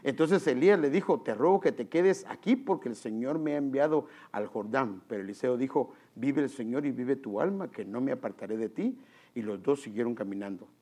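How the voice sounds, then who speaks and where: In this storytelling sermon, a mid-range-voiced man talks a little fast and with plenty of animation. He keeps calling his listeners brother as he preaches.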